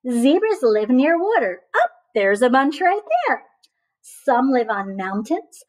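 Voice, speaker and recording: A woman with a high voice reads a picture book aloud to young children, taking on a teacher's lively, encouraging manner. Questions come often, each followed by a pause for answers.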